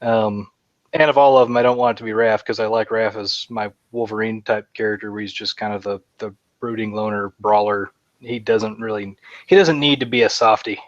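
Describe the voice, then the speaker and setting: A podcast co-host with a lowish, steady voice talks briskly, rambling through casual, enthusiastic fan chat packed with fillers. The recording is dry and dull.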